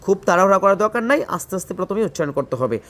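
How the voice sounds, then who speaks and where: A man from Bangladesh teaching English pronunciation, saying each word slowly and repeating it for his students. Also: high voice, lively intonation, fairly bright tone. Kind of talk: pronunciation lesson, word drills.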